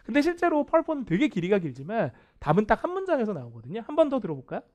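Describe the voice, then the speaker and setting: Male english instructor, high voice, very lively pitch, playful, self-mocking lecture tone. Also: racing. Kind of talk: video vocabulary lecture.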